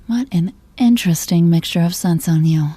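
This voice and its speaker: Woman acting a dark-voiced possessive girlfriend in ASMR role-play. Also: fairly low pitch, husky, no echo. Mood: possessive, intimate. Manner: slow, teasing, interrogating murmur. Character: possessive, jealous rich girlfriend, teasing and controlling.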